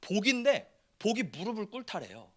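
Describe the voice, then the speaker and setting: A man's voice: sits high, very animated, normal speed, fairly bright tone. A man preaching a sermon as pastor, asking the congregation questions as he goes.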